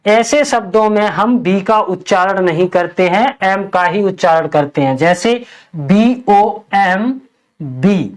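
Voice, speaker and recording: A man teaching English pronunciation, spelling words letter by letter and drilling each answer with a repeated question. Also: high voice. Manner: patient, explanatory. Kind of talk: step-by-step spoken lesson.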